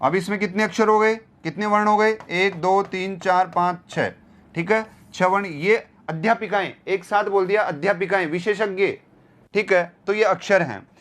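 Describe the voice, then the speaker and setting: A man's voice: high voice, steady tone, moderate pace, fairly bright tone. A man teaching Hindi grammar in an exam-prep lecture, repeating key terms and asking rhetorical questions. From India.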